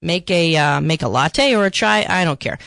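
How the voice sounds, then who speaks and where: A woman's voice: low voice, animated, normal speed, gravelly, a bit bright, no room sound. A woman co-hosting a casual podcast chat, talkative and playfully bossy as she gives opinions and tips. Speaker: podcast co-host.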